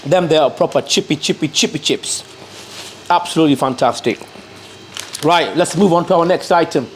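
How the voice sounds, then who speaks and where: Higher-voiced man reviewing food. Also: normal speed. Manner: repeats catchphrases and addresses the cameraman. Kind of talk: casual food review to camera. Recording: clear background noise.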